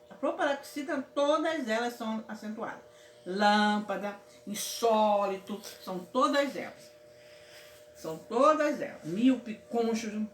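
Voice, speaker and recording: Brazilian lady teacher going over grammar, kinda high voice, talks sweet to her students, roomy echo and faint background noise. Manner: affectionate, repeats "certo, meus amores?". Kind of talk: casual grammar lesson. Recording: echoey room with faint ambience.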